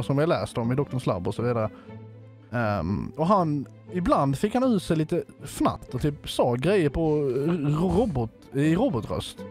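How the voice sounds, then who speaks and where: Guy rambling on in a game roleplay, kinda high voice, swoops around a lot. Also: darkish tone. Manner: rambling, repeats words while explaining. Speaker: streamer playing a Minecraft roleplay server. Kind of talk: casual role-play chat with other players.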